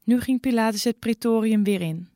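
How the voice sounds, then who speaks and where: A woman's voice: a little high, normal speed, mellow, no echo. Woman reading scripture, dry close sound. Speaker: scripture reader.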